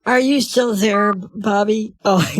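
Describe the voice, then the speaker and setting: A man's voice: high voice, takes it slowly, fairly bright tone, dry recording, studio quality, voice pushed up. A man voicing a fussy, easily confused elderly woman who talks in a doddering, querulous way.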